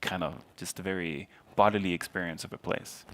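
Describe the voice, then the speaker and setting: A man's voice: deep voice, steady tone, brisk, a bit bright. A young man from Denmark, an artist, speaking reflectively and loosely in a panel conversation. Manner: reflective, rambling with fillers.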